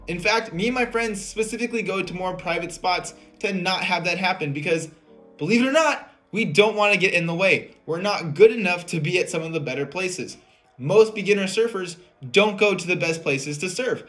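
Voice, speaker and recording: A man's voice: high-pitched, normal speed, fairly bright tone. A man vlogging casually, rebutting in an incredulous way with rhetorical questions. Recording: background music.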